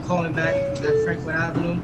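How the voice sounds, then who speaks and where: A man's voice: a little high, level tone, fairly quick, loud music behind the voice. A man working as a train operator, calling in over a two-way radio. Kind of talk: radio call-ins. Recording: radio with very loud train noise.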